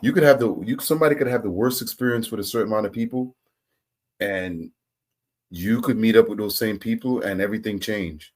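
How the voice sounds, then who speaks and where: A man hosting a reaction video gives casual commentary on clips, talking loosely, repeating words and using slang. His voice is fairly low, brisk and darkish in tone.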